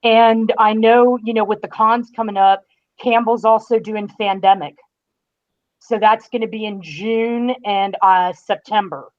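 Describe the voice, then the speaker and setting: Over slightly dull online-call audio, a fan-site writer appears as a podcast guest and chats casually while passing along news. She has a medium-pitched, steady voice and talks a little slowly.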